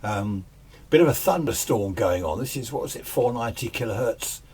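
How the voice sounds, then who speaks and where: Animated and moderately paced, a middle-aged man with a medium-pitched, slightly mellow voice and a breathy edge hosts a casual, hands-on radio demonstration. He is an amateur hobbyist in his indoor home radio shack, chatty and self-deprecating. The camera mic captures hiss and background noise along with faint radio static.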